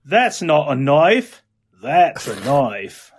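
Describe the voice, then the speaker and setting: A man putting on a hammy Australian accent as an Aussie bloke, slowly quoting catchphrases. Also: on the high side, sing-song, full character voice. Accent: put-on Australian. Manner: slow, exaggerated quoting of movie lines.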